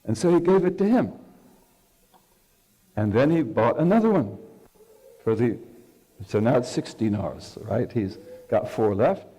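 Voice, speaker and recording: Guy giving a religious lecture, warm relaxed voice, keeps saying okay to the room. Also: medium pitch, unhurried, pauses often, husky. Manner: conversational, checks in with the audience using "okay". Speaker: Islamic scholar lecturing.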